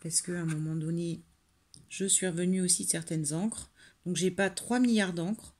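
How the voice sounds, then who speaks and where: A woman's voice: lowish voice, fairly even intonation, normal speed, a little mellow. Chatty rambling woman crafting at home. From France. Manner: chatty, rambling, self-deprecating, many fillers. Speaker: crafting tutorial host. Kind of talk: casual talk-through while making a card.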